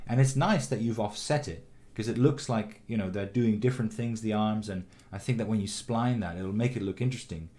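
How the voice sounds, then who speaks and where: Man, animation instructor, low voice, calm encouraging critique, lots of fillers. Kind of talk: recorded critique of student work.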